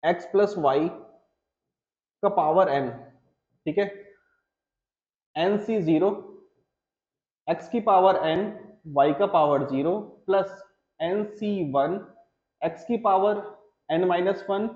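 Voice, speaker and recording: Guy from india teaching math in a coaching class, slow careful steps, roomy echo, kinda dull sound. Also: high voice, a little mellow. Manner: talks through steps while writing, pauses on each term; reassuring, checks in with "theek hai". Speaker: mathematics teacher. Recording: echoey room, slightly dull sound.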